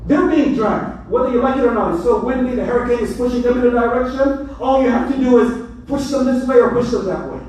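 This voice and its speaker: A man preaching as an imam in a mosque, animated and joking as he speaks. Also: extremely high pitch, fast. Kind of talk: mosque sermon. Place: mosque hall. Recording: echoey hall, mic from far.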